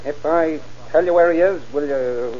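An actor playing a surly gang leader, tough-talking with rough grammar, in an old radio drama. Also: male voice, fairly high pitch, moderate pace, dark tone, natural voice. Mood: grudging, pleading. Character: surly male gang leader protecting his girlfriend. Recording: muffled old radio recording.

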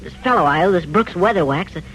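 An actor playing a desperate, earnest young grandson in a 1950s radio serial, halting and deferential. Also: male voice, sits high, lively intonation, a bit bright, low-quality recording. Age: young adult. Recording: old radio broadcast, faint noise.

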